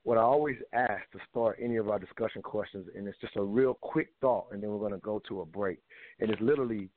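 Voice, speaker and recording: This is a man hosting a call-in talk show who talks quickly and a little low. He rambles and restarts his phrases, and the sound comes through a thin, tinny phone line. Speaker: show host.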